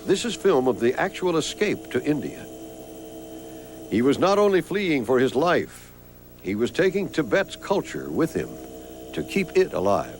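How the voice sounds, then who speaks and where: Male documentary narrator with animated intonation. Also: on the high side, normal speed, a little hiss or hum. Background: music.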